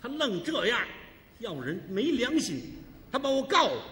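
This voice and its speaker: A man's voice: very high-pitched, measured pace, long reverb tail. A man performing crosstalk comedy as the lead teller, boasting and spinning a story on stage. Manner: boastful storytelling, animated delivery.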